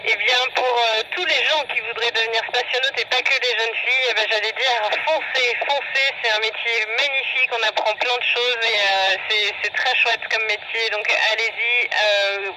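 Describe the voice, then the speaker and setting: A woman from France, an astronaut answering questions in a halting, conversational way over a radio headset link. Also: on the high side, fairly even intonation. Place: aboard a space station. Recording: very noisy amateur radio transmission. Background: loud radio static.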